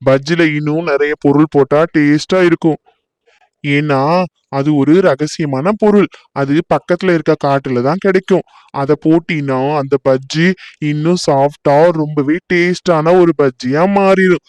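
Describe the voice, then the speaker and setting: A sly, greedy young crow from a cartoon with a smooth, slightly raised voice, as a man plays him. He talks in a mocking, scheming way. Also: fairly high pitch, fairly even intonation, moderate pace, darkish tone, dry recording, lightly acted. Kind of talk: cartoon voice acting.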